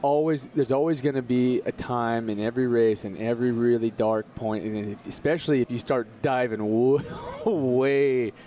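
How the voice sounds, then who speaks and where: A man talking as a podcast guest in casual conversation, earnest and motivational, slowing down to stress his points. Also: medium pitch, fairly even intonation, warm tone, slight background noise.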